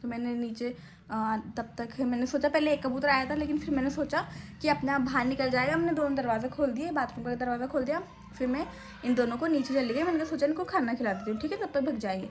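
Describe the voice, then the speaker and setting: A woman's voice: high-pitched, quick pace, a little hiss or hum. A young woman vlogging in chatty talk on a handheld phone, mixing English words into her speech. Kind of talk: casual vlog chat.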